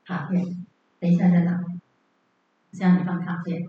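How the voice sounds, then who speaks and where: A dharma teacher lectures on Buddhism in a hall, telling stories and posing rhetorical questions to the audience. Her lowish voice is fairly even at a moderate pace, recorded dull and echoey from far off with slight background noise.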